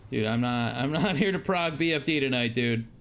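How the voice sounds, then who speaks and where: A man's voice: mid-range voice, moderate pace, a bit bright. A young man chatting casually while gaming, with a slangy, sweary frat-bro way of talking. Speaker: gamer playing an online raid. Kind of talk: casual gameplay chat.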